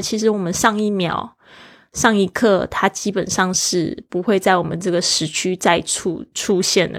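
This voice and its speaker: A woman teaching English phrases from a book in a casual, chatty way, reading English lines slowly. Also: mid-range voice, no room sound, studio quality. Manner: chatty, explains English words slowly, then reads lines aloud in a slower voice. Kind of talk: casual bilingual book lesson.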